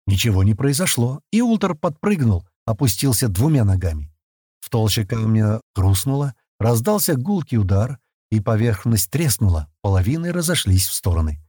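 Male audiobook narrator, husky voice, animated pitch, expressive storytelling. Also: moderate pace, no room sound, studio quality. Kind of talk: scripted narration.

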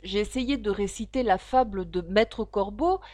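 A woman's voice: mid-range voice, moderate pace, darkish tone, no echo, studio quality, close to an everyday voice. A woman voicing a polite, earnest and slightly confused young girl in a storybook. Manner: polite, earnest, a little flustered.

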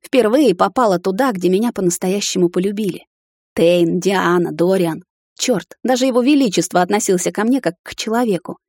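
A woman narrating an audiobook in the first person with a measured, expressive reading. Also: mid-range voice, no room sound, clean studio sound.

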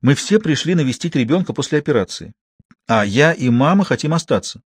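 An older grandmother who insists on staying at the bedside, in a storybook reading, as a male narrator puts her on. The voice is raised slightly from his own and husky. She speaks with firm conviction. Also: on the high side, animated, fairly quick, no echo, pitched above the performer's own voice. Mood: insistent.

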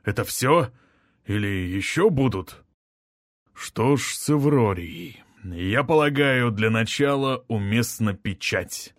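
A sneering villainous mage with a cold, mocking drawl, as a male audiobook reader puts him on. His voice sits at an ordinary middle pitch. The recording is close and completely dry. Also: animated, dry recording. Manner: mocking, drawn-out taunting speech.

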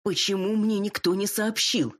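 A woman's voice: deep voice, normal speed, breathy edge. A woman reading the part of an older, domineering dragon mother who gives orders and scolds. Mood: commanding. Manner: commanding, scolding.

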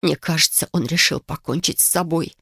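A woman's voice: deep voice, a little fast, gravelly, fairly bright tone, slightly rough, no room sound, studio quality, full character voice. A woman voicing a tearful, frightened young noblewoman who pleads between sobs. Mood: distraught. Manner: pleading, sobbing.

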